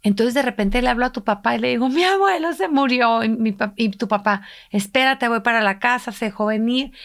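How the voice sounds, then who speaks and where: A middle-aged woman, telling a personal story in an intimate podcast conversation and voicing the people she quotes. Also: fairly high pitch. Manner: emotional, reflective, voices quoted people while retelling. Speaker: podcast co-host, mother.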